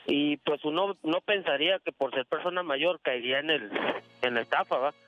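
A man's voice: a little high, moderate pace, no room sound. A man calling a radio show who tells a story with a laugh and quotes people in a raised voice. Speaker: caller. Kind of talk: phone-in story. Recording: muffled phone call with radio music.

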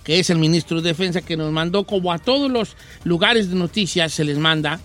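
High bright-voiced bantering male news host. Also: fairly quick. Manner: bantering, teasing co-hosts. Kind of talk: comic news chat.

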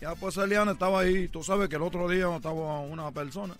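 A man voicing a boastful Cuban baseball player with a Cuban accent in a comedic radio bit, loud and rambling, repeating himself. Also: high-pitched, fairly even intonation, quick pace, faint music behind, natural voice. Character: boastful Cuban ballplayer, adult man, brash joker.

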